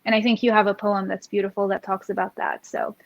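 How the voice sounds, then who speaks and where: A woman's voice: medium pitch, flat delivery, fast, creaky. Friendly woman cooking on dull audio. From Jerusalem. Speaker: cookbook author. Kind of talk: cooking demonstration chat.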